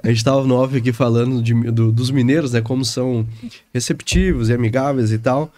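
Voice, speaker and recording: A man's voice: medium pitch, a little fast, no room sound. Chatty man, dry mic. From Minas Gerais, Brazil. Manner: relaxed, chatty, emotional. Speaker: podcast guest. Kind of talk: casual conversation.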